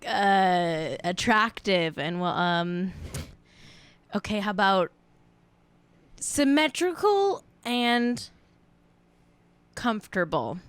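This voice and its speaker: Playful, lively woman hosting a stream. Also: medium pitch, drawn-out words, pauses often, clean tone. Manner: playful, riffing, animated jokes. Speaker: host. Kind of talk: casual comedic live-stream chat.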